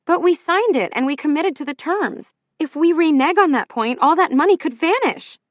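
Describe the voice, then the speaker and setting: A woman's voice: sits high, expressive, normal speed, no echo, lo-fi sound, voice pushed up. A woman narrator voicing an anxious female business partner who pleads urgently in an audiobook reading. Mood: panicked.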